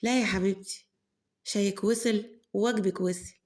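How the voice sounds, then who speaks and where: A woman's voice: mid-range voice, fairly even intonation, moderate pace, a little mellow, close to an everyday voice. A woman voicing a stern, sensible older village woman with an Egyptian accent, speaking firmly. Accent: Egyptian Arabic.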